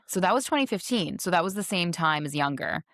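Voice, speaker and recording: A woman's voice: lowish voice, fairly quick, no echo, studio quality. A woman in her thirties co-hosting a podcast in casual, chatty talk, laughing often. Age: 30s. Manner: chatty, laughs often, reads lyrics in a flat monotone. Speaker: podcast co-host. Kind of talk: casual chat.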